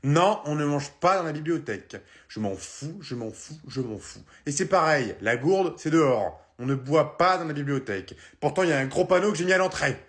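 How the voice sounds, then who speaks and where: A man's voice: fairly high pitch, animated, fairly quick, hardly any pauses, fairly bright tone. A man playing a rude, irritable librarian who gives curt, bossy orders.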